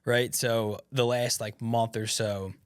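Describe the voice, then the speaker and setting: A man's voice: mid-range voice, fairly even intonation, slow, no echo, clean studio sound. A man in his thirties chatting casually as a podcast host, laid-back and rambling, with many fillers and restarts. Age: 30s. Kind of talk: casual chat.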